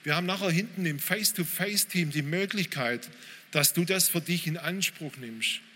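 A man preaches in a casual, direct way, his voice bright and forceful and a little high. He is on a stage mic in a church hall with a long reverb. A faint room noise sits behind him. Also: normal speed. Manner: informal, direct, addresses listeners with hey. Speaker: pastor. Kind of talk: sermon.

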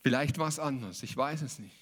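A man's voice: mid-range voice, moderate pace, slightly rough. A man preaching a sermon as a pastor, emphatic and colloquial, mixing in English words.

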